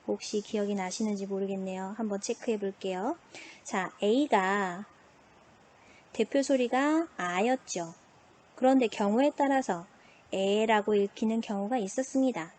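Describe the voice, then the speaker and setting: A woman's voice: mid-range voice, unhurried, darkish tone. A woman teaching an online language lesson, patiently asking questions and answering them herself. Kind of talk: online classroom lecture.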